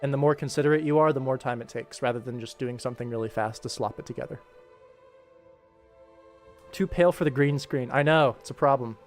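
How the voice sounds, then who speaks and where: A man with a mid-range voice speaks briskly, chatting casually as a livestream host while he works. He's an animation director with a dry, tongue-in-cheek humour, and music plays behind him.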